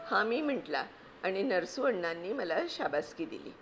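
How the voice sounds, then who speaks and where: A woman reads a classic story aloud at a calm, measured pace, with expressive storytelling. Her pitch is of middle height, and a faint hiss sits behind her voice. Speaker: reader, narrator. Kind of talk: literary audiobook reading.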